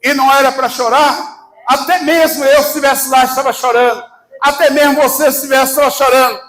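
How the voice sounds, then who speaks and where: A Brazilian man preaching a sermon as pastor, fervent and shouting, calling the congregation to answer back. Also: very high-pitched, steady tone, fairly quick, rough recording. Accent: Brazilian Portuguese. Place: church service.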